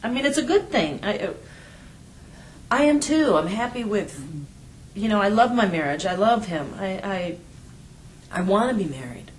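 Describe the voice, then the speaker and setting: A woman's voice: medium pitch, big pitch swings, normal speed, long pauses, slight background noise, natural voice. A woman playing a troubled, self-blaming wife in a couples therapy role play, tentative and plaintive.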